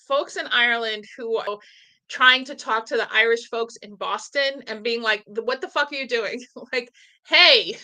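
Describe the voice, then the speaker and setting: A woman from the Northeastern US hosting a podcast, talking in an animated, blunt way and swearing casually. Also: on the high side, poor audio. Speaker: podcast host. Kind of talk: casual conversation.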